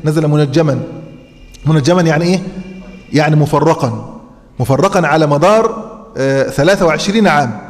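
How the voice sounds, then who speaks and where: Egyptian male sheikh lecturing, higher pitch, asks and answers his own questions, stops on fillers; long hall reverb. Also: a little fast, long pauses. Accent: Egyptian Arabic. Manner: explains by posing rhetorical questions, with frequent hesitant fillers. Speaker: sheikh teaching Quran commentary. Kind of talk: classroom lecture on scripture.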